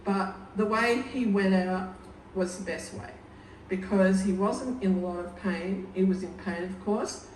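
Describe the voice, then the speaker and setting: An older woman gives an informal, unscripted funeral speech as a sister, telling anecdotes in a halting, wryly humorous way. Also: mid-range voice, fairly even intonation. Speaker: sister giving a funeral eulogy. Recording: echoey room, distant mic, background noise.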